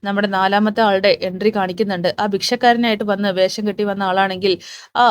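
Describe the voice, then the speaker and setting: A woman narrating a recap of a TV serial episode in a brisk storytelling manner. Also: mid-range voice, level tone, slight background noise.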